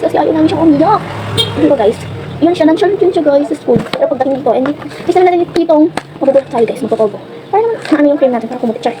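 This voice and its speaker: A Filipino woman with a high voice chats quickly and rambles through a get-ready-with-me vlog. Clear background noise fills the room behind her. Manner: chatty, rambling, many fillers. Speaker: vlogger. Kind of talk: casual get-ready-with-me chat.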